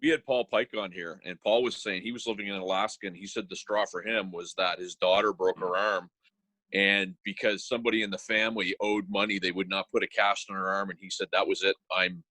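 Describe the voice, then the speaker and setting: A man's voice: deep voice, fairly even intonation, fairly quick, pushed and bright, no echo. A man, hosting an interview in casual chat. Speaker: interview host.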